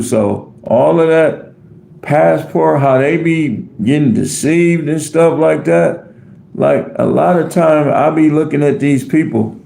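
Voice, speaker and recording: A man's voice: medium pitch, gravelly, warm tone, echoey room. An American man hosting a live stream, rambling casually as he answers viewer comments off the cuff. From United States. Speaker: livestream host reading chat.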